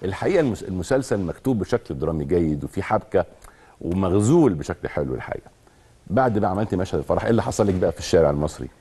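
Egyptian male talk show host: dark, animated delivery, studio interview. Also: deep voice, very fast, husky. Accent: Egyptian Arabic. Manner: lively questioning, directs the cameraman.

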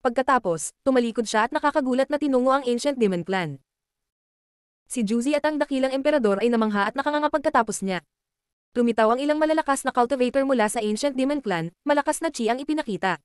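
A woman narrating a martial-arts web novel chapter aloud, reading rapidly and evenly. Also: high voice, expressive, smooth, dry recording, clean studio sound. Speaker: audiobook narrator.

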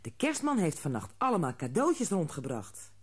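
A woman's voice: lowish voice, huge pitch swings, moderate pace, husky, heavily acted. A woman voicing a jovial father rabbit in a children's storybook. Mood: jolly.

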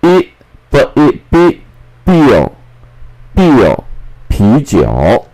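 A man teaching English phonics, spelling out letters and repeating each word slowly. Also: fairly low pitch, big pitch swings, warm tone, soft background music, rough recording. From Taiwan. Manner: slow, drawn-out spelling and word repetition. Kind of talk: classroom phonics lesson.

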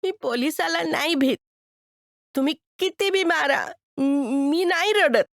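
A woman's voice: animated, slow pace, gravelly, no room sound, heavily acted. Woman voicing a defiant scrappy street boy. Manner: high, shouting, rustic village speech.

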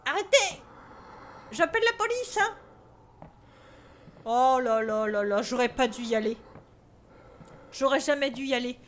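A woman's voice: on the high side, animated, unhurried, long pauses, slight background noise. A young French woman streaming a horror game, jumpy and swearing, talking to herself as she gets scared. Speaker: gaming streamer. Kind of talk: let's play commentary.

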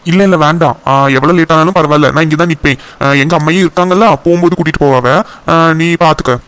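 Cartoon: man plays an earnest, apologetic young villager, quick delivery. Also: fairly high pitch, clear, resonant tone, natural voice. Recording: soft music underneath.

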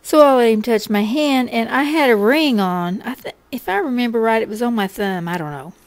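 Chatty higher-voiced woman telling a story. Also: fairly quick, no echo. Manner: folksy, chatty, laughs while telling. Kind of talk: casual personal storytelling.

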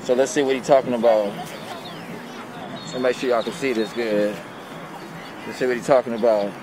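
Shopping at an outdoor swap meet, a young man vlogs in a loose, joking way, cursing and bantering as he goes. His mid-range voice has fairly even intonation and a moderate pace, and crowd noise fills the outdoor recording.

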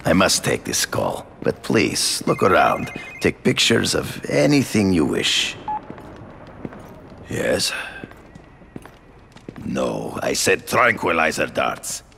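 An actor playing a grave, proud middle-aged big-game hunter in a video game, speaking in formal, grandiose, deliberate phrases. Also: male voice, very deep voice, wildly swooping pitch, vocal fry, bright, forceful tone, a little hiss or hum, full character voice. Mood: curt, commanding.

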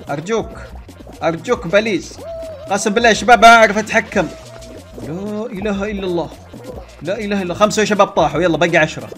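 A young man giving excitable gameplay commentary to his viewers and yelling at other players. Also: high voice. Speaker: gaming channel host. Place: at home playing on a console.

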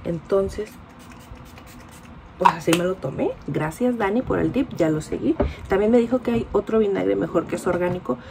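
A woman's voice: medium pitch, normal speed, creaky, over music, rough recording. A woman in her forties with a Mexican Spanish accent, chatting informally to a phone camera held close for her vlog. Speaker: vlogger. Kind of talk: casual vlog chat to camera.

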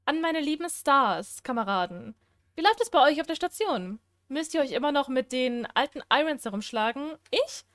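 A woman reading out a letter as a cocky, joking young man, slowly and playfully. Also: sits high, lively intonation, a bit bright, no echo. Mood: teasing.

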